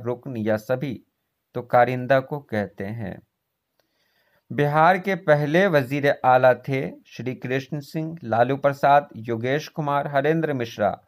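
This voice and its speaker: Man, exam-prep teacher, reads options then gives answer. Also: mid-range voice. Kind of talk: quiz walkthrough lesson.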